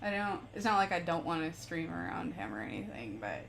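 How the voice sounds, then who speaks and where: A woman's voice: lowish voice, big pitch swings, brisk, gravelly. A woman streaming live while she paints, chatting casually with viewers in a rambling way and laughing often.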